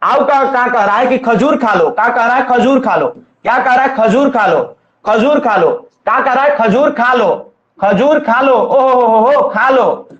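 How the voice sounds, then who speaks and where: A male teacher, drilling students in an exam-coaching lesson with call-and-response repetition. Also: very high-pitched. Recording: echoey room, slightly dull sound.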